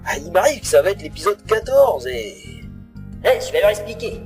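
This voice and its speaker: A man's voice: high voice, big pitch swings, normal speed, reverberant, soft background music. A man playing a fussy, chatty narrator who explains things wryly to the audience of an audio drama. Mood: wry, explanatory. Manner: explanatory, wry.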